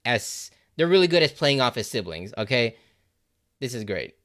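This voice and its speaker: Guy doing a reaction vid, swears a lot, pitch jumping all over, says like and you know constantly. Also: sing-song, moderate pace, a bit bright. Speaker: reaction video host. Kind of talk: casual reaction commentary.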